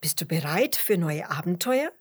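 A woman's voice: fairly low pitch, big pitch swings, moderate pace, slightly rough. A woman voicing Fitus, a curious and friendly young adventurer in a children's story. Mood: cheerful. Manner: bright eager greetings.

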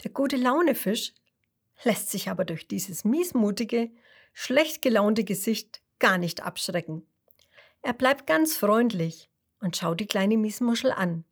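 Woman reading a kids' story nice and slow, calm soft voice, talks right to the kids, whispers bits. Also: mid-range voice, slightly rough. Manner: slow, soothing, addresses listeners directly, sometimes drops to a whisper. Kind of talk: children's bedtime story narration.

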